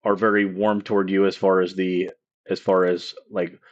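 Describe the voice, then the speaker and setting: Rambling low-voiced male game master. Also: little pitch movement, muffled recording. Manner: rambling, halting, many fillers. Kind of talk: live-streamed tabletop game narration.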